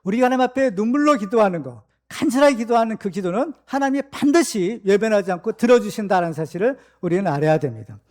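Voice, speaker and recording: A male pastor preaching a sermon, emphatic and full of rhetorical questions to his congregation, reading scripture slowly and deliberately. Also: high voice, lively intonation.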